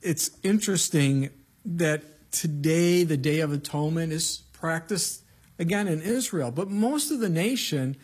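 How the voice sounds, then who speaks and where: A man preaching at a pulpit microphone with a slightly husky, somewhat higher-pitched voice. He teaches scripture in a plain, conversational way and punches his points with short emphatic asides. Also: animated, a little slow, a little mellow. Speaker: pastor. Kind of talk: verse-by-verse Bible teaching sermon.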